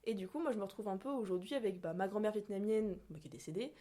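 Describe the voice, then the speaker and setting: A woman's voice: mid-range voice, expressive, fast talker, mellow. A young woman from France talking casually, hesitant and full of fillers as she searches for her words. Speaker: podcast guest. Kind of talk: casual conversation.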